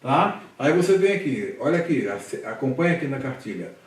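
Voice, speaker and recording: A man's voice: mid-range voice, very animated, fairly quick, distant mic. A man with a Brazilian Portuguese accent teaching a Hebrew class, patiently drilling letters and syllables aloud and checking in with his students. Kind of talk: classroom lesson. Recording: echoey room, voice from the mic.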